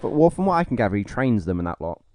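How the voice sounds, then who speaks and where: A man's voice: fairly low pitch, big pitch swings, rapid-fire, noisy background. A man co-hosting a podcast, rambling playfully and spinning silly theories in casual chat. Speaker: podcast co-host.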